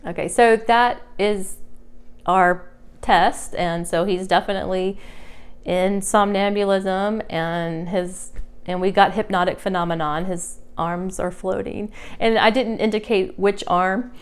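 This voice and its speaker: A woman's voice: medium pitch, steady tone, a little slow, smooth. A woman instructor explaining hypnosis technique informally, in a conversational, explanatory way with emphasis on key words. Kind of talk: informal demonstration lesson.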